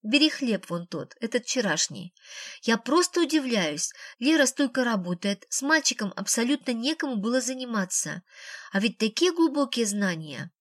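A woman's voice: fairly high pitch, big pitch swings, normal speed, no room sound, clean studio sound. A woman voicing a strict, talkative grandmother who fusses over her family, in an audiobook. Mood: chatty. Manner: bossy, fussing, talkative.

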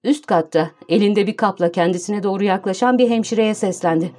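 A woman narrating an audiobook in a measured, storytelling manner. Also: mid-range voice, mellow. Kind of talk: scripted narration.

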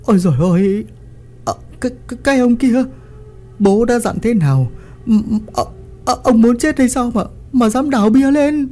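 A man's voice: very high voice, moderate pace, darkish tone, voice pushed up. A man voicing a panicked middle-aged village wife who stammers and scolds her husband in alarm. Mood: alarmed scolding.

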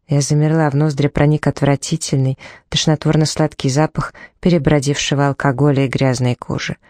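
A woman's voice: low-pitched, a little mellow, dry recording, clean studio sound. A woman reading a novel aloud in the first person, dramatically, acting out the dialogue as she tells it. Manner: dramatic, voicing dialogue in the telling. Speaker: audiobook reader.

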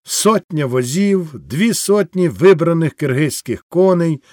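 A man reading a novel aloud as an audiobook, in a measured, dramatic way. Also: fairly high pitch, expressive, darkish tone, no echo. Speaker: audiobook narrator. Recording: dry close studio sound.

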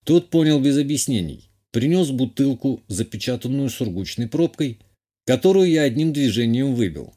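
A man reading a first-person fantasy audiobook in a measured, even way. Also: mid-range voice. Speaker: audiobook narrator. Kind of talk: scripted first-person narration.

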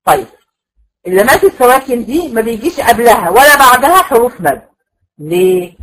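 A woman's voice: on the high side, very animated, a little fast, a bit bright, low-quality recording. A woman with an Egyptian accent teaching Quran recitation rules in a classroom lecture, patiently repeating points and checking that students follow. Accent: Egyptian Arabic.

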